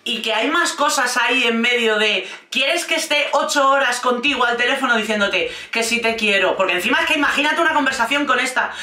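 A woman with a Spain Spanish accent delivers casual, blunt reaction commentary, swearing freely and mocking as she goes. Her voice is bright and sharp. It sits a little away from the mic in a roomy, echoey room. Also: a little high, a little fast, hardly any pauses, far from the mic. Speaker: reality TV commentator.

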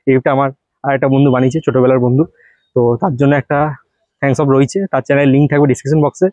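Fast-talking guy vlogging a temple walk, mellow voice, dull lo-fi sound. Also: mid-range voice, flat delivery, dry recording. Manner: rapid chatty guiding, addresses viewers directly. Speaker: travel vlogger host. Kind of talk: casual walk-and-talk travel vlog. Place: temple grounds, walking around.

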